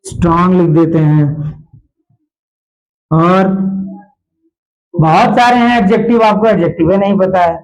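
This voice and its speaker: A man's voice: sits high, measured pace, long pauses. A male teacher giving a classroom grammar lesson, quizzing his students with repeated questions. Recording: dull lo-fi classroom recording.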